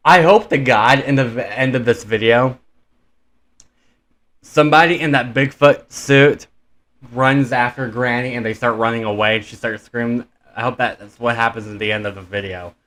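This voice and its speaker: Bright-voiced young man rambling. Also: medium pitch, steady tone, normal speed. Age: 20s. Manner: rambling with many fillers. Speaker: reaction video host. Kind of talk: casual chat.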